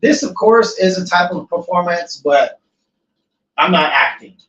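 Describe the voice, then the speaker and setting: A man's voice: high-pitched, expressive, a little slow, fairly bright tone. Laid-back man, echoey distant mic. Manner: laid-back, swears casually, storytelling with impressions. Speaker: podcast host. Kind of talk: casual chat. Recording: echoey, distant, dull room mic with faint noise.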